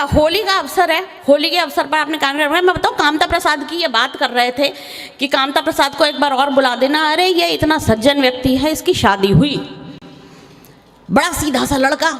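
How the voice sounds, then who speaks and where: A woman's voice: high-pitched, fairly bright tone. A woman comic poet on a live stage, chatting and teasing the audience through a microphone. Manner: chatty, teasing the audience, sings a slow verse. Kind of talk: stage comedy poetry recital. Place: live stage show in a hall. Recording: reverberant hall sound.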